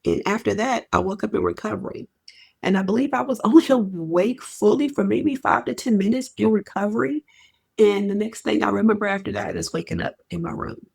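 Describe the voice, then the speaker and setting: A woman's voice: medium pitch, a little fast, gravelly, darkish tone, breathy edge. A woman vlogger telling a personal story straight to the listener.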